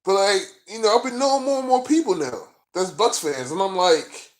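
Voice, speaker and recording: A man's voice: sits high, normal speed. Profane, frustrated man ranting to camera. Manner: profane, frustrated, rambling with many fillers. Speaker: vlogger, sports fan. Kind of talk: casual rant to camera.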